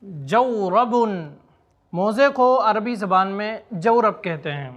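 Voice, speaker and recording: High, bright-voiced male Arabic teacher. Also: expressive. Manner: says each Arabic word slowly and repeats it, then explains its meaning. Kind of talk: vocabulary lesson in Urdu.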